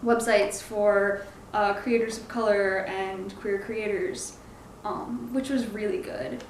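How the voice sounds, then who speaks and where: A woman's voice: mid-range voice, fairly even intonation, takes it slowly. A woman giving a casual review in a hesitant way, groping for words and correcting herself as she goes. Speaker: comic book reviewer. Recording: echoey room, faint background noise.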